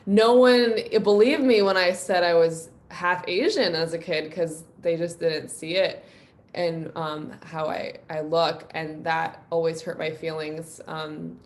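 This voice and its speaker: A woman from New York City appearing as a guest musician speaks in a low, fairly even voice at a measured pace. During the casual live-stream interview she reflects personally and uses many ums and likes.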